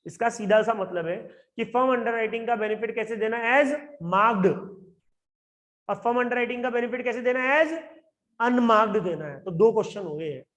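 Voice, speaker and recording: A man teaching an accountancy class, who keeps checking with his students and repeats English phrases slowly as he reads out a question. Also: very high voice, a bit bright. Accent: Indian English. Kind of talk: classroom lecture.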